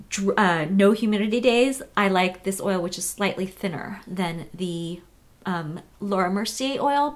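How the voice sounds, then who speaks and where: An American beauty vlogger in her thirties talks casually through a beauty tutorial in a mid-range voice, with lots of fillers and quick self-corrections.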